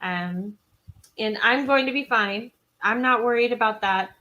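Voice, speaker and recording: A woman's voice: fairly high pitch, measured pace, bright, forceful tone, lo-fi sound. A woman co-hosting a live true-crime podcast, chatting casually and rambling with frequent laughs. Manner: rambling, giggly, self-deprecating. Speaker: podcast co-host. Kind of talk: casual live-stream chat.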